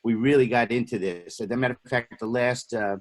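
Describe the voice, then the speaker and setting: A man's voice: mid-range voice, fairly quick. Easygoing man chatting on a video call. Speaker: guest drummer. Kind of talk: casual chat on a video call.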